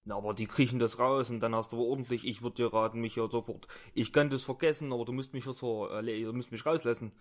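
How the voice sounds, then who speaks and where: Brief: a man playing a whiny, panicky bar thug, pitch jumping high when scared. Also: fairly even intonation, fast talker, hardly any pauses, close to an everyday voice. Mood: blustering. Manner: whiny, panicky, crude street slang. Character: frightened thuggish male barkeeper, half-blind.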